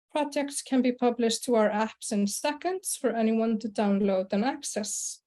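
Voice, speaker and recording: Young Icelandic woman presenting over video call. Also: a little high. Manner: relaxed, with frequent uh fillers and throat clearing. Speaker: conference presenter, sales and marketing director. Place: small room indoors.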